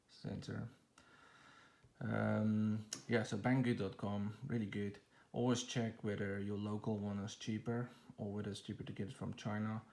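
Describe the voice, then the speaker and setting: A man with a low, gravelly voice talks viewers through an unboxing in a loose, rambling way. His delivery stays flat and even, and it is full of "um"s and restarts. He sounds like he is recording on a phone held in one hand at home. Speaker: tech channel host. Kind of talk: casual unboxing walkthrough.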